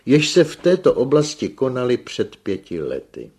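A man reading aloud and voicing a pompous young male engineer who lectures slowly and emphatically, rolling his R's. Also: medium pitch, huge pitch swings, darkish tone, husky, pitched above the performer's own voice, heavily acted. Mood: lecturing. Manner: slow, emphatic lecturing with rolled R.

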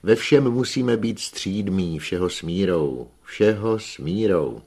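A self-assured hunchback holds forth about his grand plans in a raised, insistent tone, as a male narrator puts him on. The voice is husky and fairly deep under the lift, with lecturing emphasis on every point. An audiobook reading. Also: expressive, a little mellow, full character voice. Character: pompous scheming middle-aged male hunchback rabbit breeder.

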